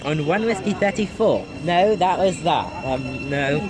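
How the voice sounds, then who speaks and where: A man's voice: fairly high pitch, animated, measured pace. A man giving casual running commentary on trains from a station platform. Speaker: trainspotting video host. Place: outdoors on a railway station platform. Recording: outdoor platform noise, passing trains. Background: trains and outdoor ambience.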